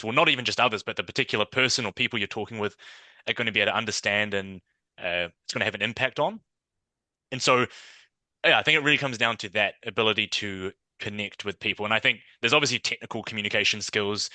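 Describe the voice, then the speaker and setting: This New Zealand podcast guest has a lowish, bright voice with a forceful tone, recorded with no room sound. Answering interview questions, he stays thoughtful and conversational, frequently using fillers and starting over.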